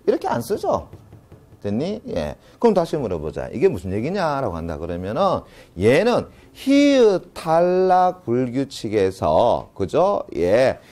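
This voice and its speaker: A man's voice: medium pitch, dark tone. A male teacher giving a grammar lecture, often checking in with students and answering his own questions, drawing out key terms. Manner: constant check-in questions, answers them himself; drawn-out stressed key terms.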